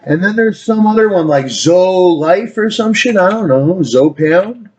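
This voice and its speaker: A man's voice: high-pitched, animated, a little slow, darkish tone, slightly rough, dull audio. A man talking in a rambling casual monologue, trailing off and restarting, swearing casually. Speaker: vlogger.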